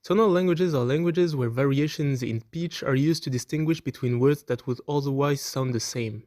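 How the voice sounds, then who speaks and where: A man presenting an educational video, reading a scripted explanation in a clear, explanatory way and slowing down to demonstrate example words. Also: mid-range voice, darkish tone, no echo, clean studio sound. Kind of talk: scripted narration.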